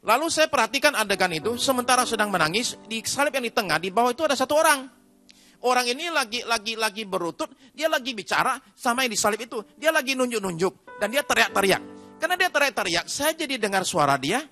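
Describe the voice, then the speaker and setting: A man preaching a sermon testimony to a congregation in church. He swings dramatically between loud emphatic peaks and hushed low passages, repeating words for effect. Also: expressive, fast talker, faint music behind. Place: church service before a congregation.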